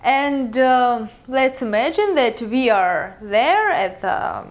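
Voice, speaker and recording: Young Russian-accented woman, patient language teacher, unhurried, lilting higher voice. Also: lively intonation. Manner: many filler pauses, drawn-out teaching pace. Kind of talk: slow, careful video lesson.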